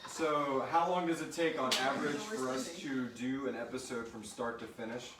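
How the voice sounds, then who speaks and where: Crowd noise surrounds a man's medium-pitched, steady voice as he speaks at normal speed, hosting a jokey, informal live Q&A as a podcast creator. He reads out questions and chats his way through the answers to a group in a room on a live stream. The roomy, noisy stream audio comes from a distant mic.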